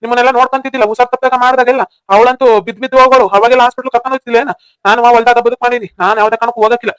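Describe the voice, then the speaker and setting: A man plays a headstrong young cartoon villager who refuses to budge, with a North Karnataka Kannada accent. His voice is fairly high and flat in tone, smooth, and delivered at a very fast pace. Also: no room sound. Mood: insistent. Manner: stubborn, insistent. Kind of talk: cartoon voice acting.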